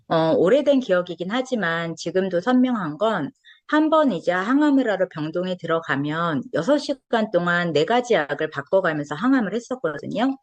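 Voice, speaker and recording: A woman's voice: on the low side, no echo. A woman in her forties giving an earnest testimonial talk as a lecturer, recorded close and dry. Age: 40s. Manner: earnest, storytelling.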